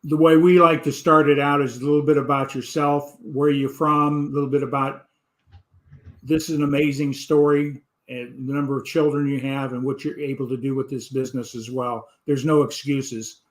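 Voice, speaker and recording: Flat-toned older male host. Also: medium pitch, moderate pace. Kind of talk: talk show hosting.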